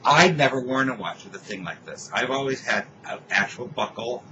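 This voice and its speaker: An older man telling a rambling story in casual chat, animated when he acts out what people said. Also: medium pitch, normal speed, a little hiss or hum, low-quality recording.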